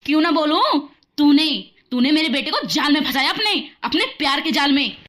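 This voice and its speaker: Woman doing a cartoon mother-in-law, bullying, taunting, scolding, high-pitched. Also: normal speed, sharp tone. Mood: scornful. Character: harsh older mother-in-law, scornful and bullying.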